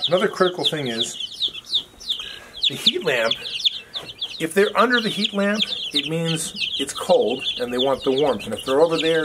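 A farmer with a fairly high-pitched voice presents a how-to video, explaining things plainly and off the cuff in a folksy, unscripted demonstration. He's outdoors on a farm by a concrete patio and pens, and the noisy recording is full of loud bird chirps, clucking and clicks.

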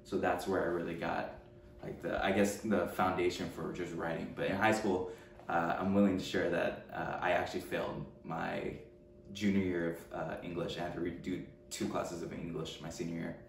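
Low, flat and creaky, this man's voice moves at normal speed as he hesitantly answers interview questions, restarting often and using many fillers. He's in his twenties, from Richmond, California, seated in a room at home for a documentary. A far-off camera mic captures roomy echo and faint hum.

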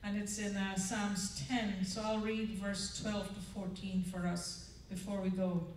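A woman's voice: medium pitch, level tone, unhurried, darkish tone, far from the mic, slight background noise. Earnest woman speaking in an echoey hall. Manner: earnest, conversational, checks in with the audience. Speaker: chapel speaker. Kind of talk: chapel devotional and prayer. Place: large church auditorium stage. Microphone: handheld microphone. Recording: echoey hall, mic heard from afar.

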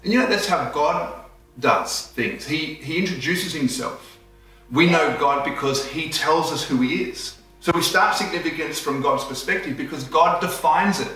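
A man preaching a sermon as a pastor, telling stories in an animated way. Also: fairly high pitch, normal speed, faint music behind. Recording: echoey room, voice from far off.

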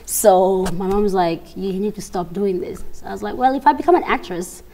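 A young actress from South Sudan, talking in a casual studio interview and telling her story with quick laughs and acted-out quotes. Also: mid-range voice, warm tone. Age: young adult. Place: TV studio set, seated on a sofa.

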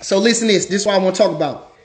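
A high-pitched man in his late thirties riding a hyped livestream rant. He is a former boxer, and he talks brash and loud, trash-talking and calling people out, sometimes shouting. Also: rapid-fire.

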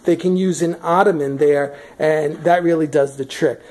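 Low-pitched and darkish, this vlogger's voice holds a steady tone at a moderate pace while she tours her large furnished house. Filming off screen with a handheld camera, she chats loosely from room to room, full of fillers and restarts.

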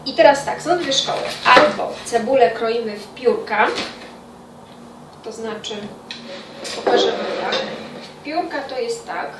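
In this informal cooking tutorial, a middle-aged woman talks to the camera about a recipe, her fairly high voice halting with pauses in the middle of sentences. She works in a small home kitchen near a window, and the camera sits a step away on the counter. Loud kitchen noise and room echo come through the distant mic.

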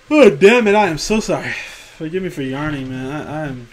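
A young man with a voice on the high side rambles casually about collectible figures while commenting over images on screen, tired after work, swearing, and tripping over names. He's in a room at home, and there's background noise.

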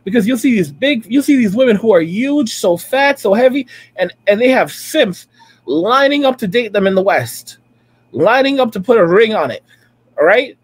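High-voiced man ranting in commentary. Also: lively intonation, moderate pace, slightly rough. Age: late 30s. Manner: preachy, repetitive, emphatic. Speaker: reaction streamer. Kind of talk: ranting commentary over clips.

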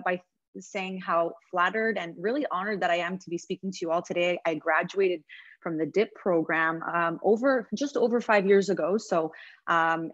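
A young woman from Montreal addresses a class of students from her home over a video call. Her voice sits fairly low, and she chats along with plenty of ums and restarts. The audio comes through dull and close, with no room sound around it. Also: no room sound. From Montreal, Canada. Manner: conversational, with frequent fillers and self-restarts. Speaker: guest speaker, news reporter.

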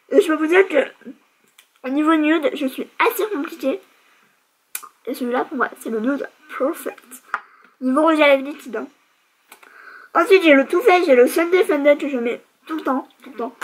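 A woman's voice: high voice, poor audio. A young woman vlogger chatting casually through a beauty product review, chatty and self-mocking, with lots of fillers.

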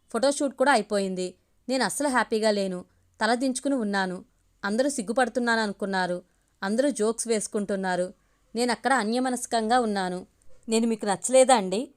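Female storyteller with a slightly high voice, gently emotive first-person romance reading.

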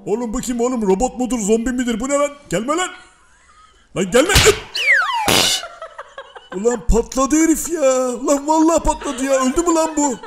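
A man's voice: very high-pitched, fast talker, few pauses, heavy background noise. A man dubbing a grumpy, easily startled pet in a comic video, grumbling and throwing crude insults. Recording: music behind.

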